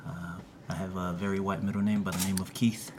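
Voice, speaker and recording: A man's voice: sits low, little pitch movement, fast, crowd noise. A man with a New Zealand accent, a jokey, self-deprecating podcast guest who laughs easily. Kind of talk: casual interview chat.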